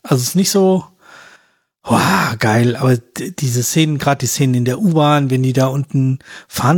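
Male podcast co-host, husky and dry, rambling casual review talk. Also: medium pitch, dry recording. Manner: rambling, trails off, slangy. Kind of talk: casual film review chat.

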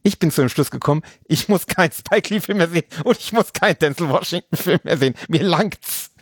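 A man's voice: a little high, fairly quick, slightly rough, dry recording, studio quality. A man in casual film-review chat, blunt and sarcastic, dismissing a film emphatically. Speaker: film podcast co-host.

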